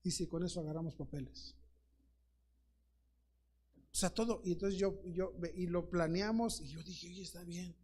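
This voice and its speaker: High-voiced Mexican pastor telling a story. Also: male voice, moderate pace, long pauses, husky. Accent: Mexican Spanish. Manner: acts out dialogue in lively voices, addresses listeners as brother. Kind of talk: Sunday school sermon with storytelling.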